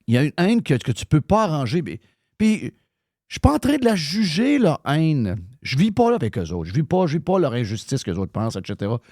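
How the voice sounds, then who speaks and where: A man's voice: on the high side, very animated, brisk, warm tone, no echo, clean studio sound. A man with a Québécois accent, hosting live radio talk in a heated, ranting way, swearing freely. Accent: Québécois French. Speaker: radio show host.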